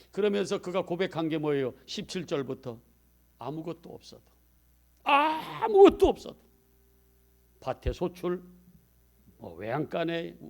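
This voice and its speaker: A man pastor preaching a sermon, talking conversationally with the congregation and swinging from quiet asides to loud emphasis. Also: a little high.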